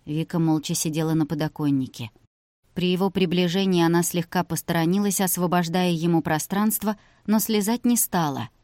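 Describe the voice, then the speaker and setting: A woman reads a novel aloud as an audiobook narrator, telling the story in a steady, even voice. Her voice is lowish and her pace normal. It's scripted narration, recorded dry with clean studio sound.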